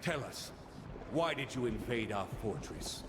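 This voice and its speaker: A man's voice: medium pitch, animated, close to an everyday voice. Actor as tired old ghost man, cavernous echo. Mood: indignant, stern. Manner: slow, solemn, reproachful. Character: tired old male ghost of a dwarven fortress, grave and aggrieved. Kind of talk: dramatic video game acting. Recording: echoing cavernous reverb, clear background noise.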